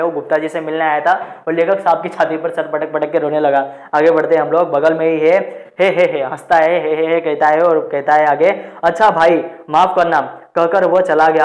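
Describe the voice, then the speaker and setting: A teacher reading a textbook story aloud, repeating each sentence and explaining it in simpler words while talking to the listeners as friends. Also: mid-range voice. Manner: rereads each sentence, then restates it in plainer words; addresses listeners as friends, with frequent "let's move on" prompts.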